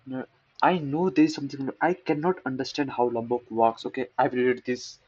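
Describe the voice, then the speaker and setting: A man's voice: medium pitch, steady tone, normal speed, a little mellow, husky. A man talks through a coding article in a loose, rambling way, often stopping to repeat a word until he says it right. He pokes fun at himself as he goes. The recording is dull and lo-fi. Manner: rambling, self-mocking, repeats words to practice pronunciation. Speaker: programmer reading a tech post. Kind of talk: casual screen-recorded coding talk.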